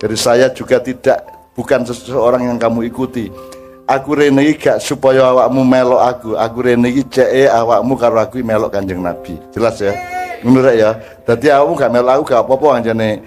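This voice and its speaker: An older man with an East Javanese accent preaches to a live audience in a folksy, joking way and keeps throwing questions at the crowd. His pitch sits at an ordinary middle level, and faint music plays behind him. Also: steady tone, a little fast, a little mellow. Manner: joking, conversational, mixes languages, asks the crowd questions. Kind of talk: folksy religious talk to a crowd.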